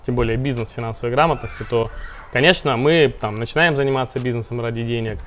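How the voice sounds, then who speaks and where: A man's voice: medium pitch, fast, fairly bright tone, soft background music. A man, founder of a finance company, explaining money matters in a casual interview with lots of fillers and restarts.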